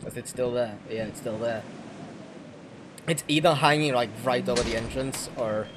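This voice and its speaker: Gaming streamer, swears constantly, yells when scared, mid pitch, lots of noise in the mix. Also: moderate pace. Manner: swears a lot, loud outbursts when startled. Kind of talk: casual gaming chat with friends. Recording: noisy game stream audio.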